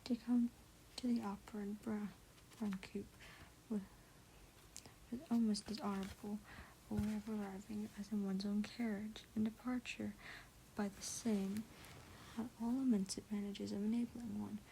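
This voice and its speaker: Woman for a whispered ASMR reading of a novel: mellow, gently fried tone, trips over words and makes chatty side remarks. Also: mid-range voice, level tone, moderate pace, gravelly, long pauses, a little hiss or hum, low-quality recording. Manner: soft whisper, stumbles and corrects herself, chatty asides. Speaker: ASMR book reader.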